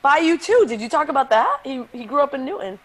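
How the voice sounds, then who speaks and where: A woman's voice: sits high, big pitch swings, fast talker, low-quality recording. A woman in her twenties co-hosting a casual chat podcast, talking in a loose, filler-heavy way and laughing often. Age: 20s. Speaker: podcast co-host.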